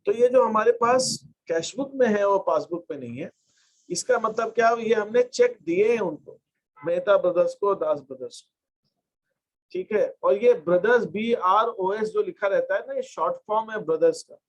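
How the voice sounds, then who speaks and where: An expressive, high-voiced man leads an accountancy lecture, heard on a rough recording. Working step by step, he mixes English terms into his speech and spells them out slowly as he writes.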